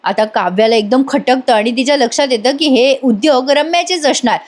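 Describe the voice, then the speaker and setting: A high-voiced woman narrates a TV serial episode as a voice-over review. She speaks chattily, turning often to address her viewers directly. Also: brisk.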